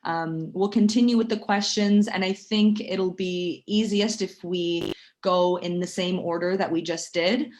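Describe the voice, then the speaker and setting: Female panel moderator, fairly low voice, informal hosting that guides speakers through questions. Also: fairly even intonation, a little slow, a little mellow.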